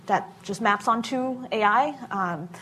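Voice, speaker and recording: A woman researcher answering questions at a hearing, speaking in a measured way with frequent filler pauses. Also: mid-range voice, sharp tone, a little hiss or hum. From Massachusetts. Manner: measured, many filler uhs. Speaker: researcher giving testimony. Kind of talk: formal testimony answering questions.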